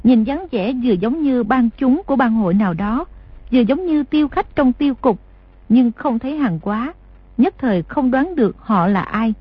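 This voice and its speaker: A woman narrating an audiobook in a steady, measured reading voice. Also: fairly high pitch, breathy edge, dry recording, lo-fi sound. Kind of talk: scripted narration.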